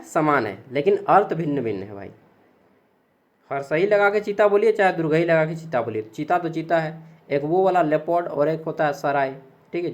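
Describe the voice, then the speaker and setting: A young man teaching an exam-prep lesson, chatty, asking questions and answering them himself. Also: fairly high pitch. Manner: chatty, repeats and checks with students; explains with examples, asks and answers own questions.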